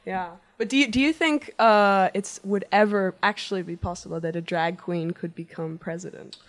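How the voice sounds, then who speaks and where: Gushing young woman interviewer, medium pitch. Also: moderate pace. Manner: gushing, excitable. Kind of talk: casual on-camera interview. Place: small wood-walled room. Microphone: handheld interview mic.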